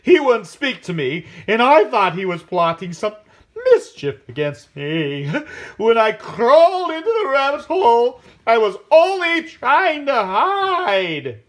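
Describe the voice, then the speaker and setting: Man as a loud, indignant, high-pitched python. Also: big pitch swings, slow pace, exaggerated voice. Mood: indignant, protesting. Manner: loud, protesting. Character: indignant slithering python defending himself loudly.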